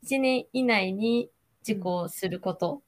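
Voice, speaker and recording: A woman's voice: mid-range voice, slow. A woman with a Nagoya accent, a makeup artist guesting on a podcast, speaking politely with hesitant fillers and a slight cough. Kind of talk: casual chat.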